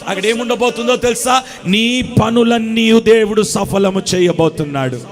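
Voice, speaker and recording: A man's voice: high-pitched, moderate pace. A male preacher, giving a fervent sermon with repeated phrases and calls for amen.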